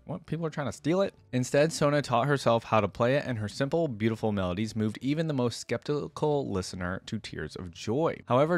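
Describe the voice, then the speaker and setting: A young man speaks close to a desk microphone in an indoor room, his voice on the low side with no room sound. He's a reaction video creator offering casual commentary and reading lore aloud.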